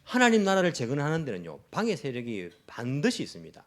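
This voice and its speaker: Lively middle-aged man preaching a sermon. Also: fairly high pitch, quick pace. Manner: animated preaching, acts out mocking voices of opponents. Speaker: pastor. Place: church in Tokyo.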